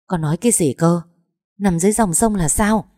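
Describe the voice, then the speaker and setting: A woman's voice: deep voice, expressive, normal speed, a little mellow, no echo, clean studio sound. A woman voicing a worried older mother in a storybook reading, asking anxious, pressing questions.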